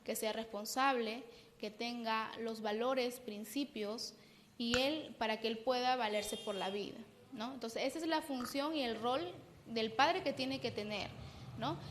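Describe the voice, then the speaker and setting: Peruvian lady psychologist giving a church parenting talk, kinda high voice, long echo on it. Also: measured pace, slight background noise. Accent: Peruvian Spanish. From Peru. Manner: explanatory, keeps checking in with "¿no?". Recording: long reverb.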